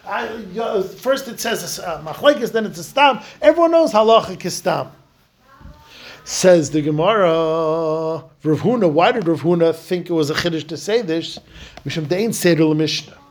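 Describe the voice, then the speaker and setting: Emphatic high-voiced man teaching Talmud. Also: expressive, normal speed. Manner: emphatic, repeats key words for stress. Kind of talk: Talmud lecture.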